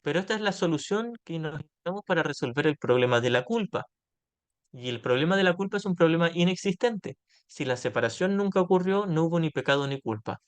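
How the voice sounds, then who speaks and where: High-voiced man giving a spiritual talk. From Chile. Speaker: course study group leader.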